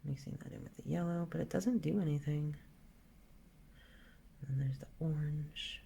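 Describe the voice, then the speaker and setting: Deep, with vocal fry and a moderate pace, this woman's voice carries slight background noise. She's an art vlogger in her forties, casually chatting as she draws, musing about colors and trailing off mid-sentence.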